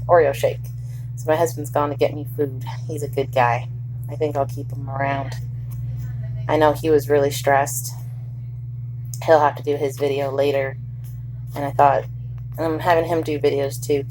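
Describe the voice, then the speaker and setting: Low-pitched woman chatting after surgery. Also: a little mellow, slight background noise, rough recording. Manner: candid, rambling, lightly humorous. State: recovering hours after surgery. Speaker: patient recording a personal video diary. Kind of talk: casual chat to camera. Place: hospital room, in bed.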